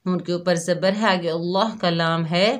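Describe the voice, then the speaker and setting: A woman's voice: on the low side, fairly even intonation, moderate pace. A woman teaching Quran recitation, patiently spelling out each syllable and repeating it. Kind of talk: slow step-by-step recitation lesson.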